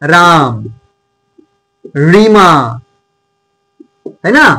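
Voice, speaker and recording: A man's voice: high voice, very slow, sharp tone, rough recording. A man tutor teaching a grammar lesson to schoolchildren, repeating points and checking in often. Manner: repetitive, checks in with "okay?".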